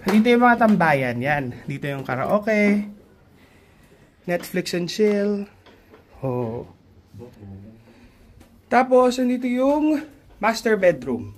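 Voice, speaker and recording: A woman walks a phone camera through a beach resort house, narrating a casual family vlog. She talks at an easy, unhurried pace in a chatty tour-guide manner. A faint hiss sits under her voice. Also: mid-range voice, sing-song. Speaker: family vlogger.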